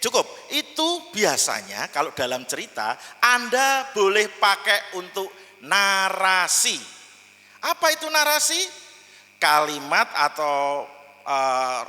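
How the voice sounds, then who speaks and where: A man's voice: sits high, measured pace. A man teaching a storytelling workshop, playful and demonstrative with his class. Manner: lively, demonstrative, playful with the audience. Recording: long hall reverb.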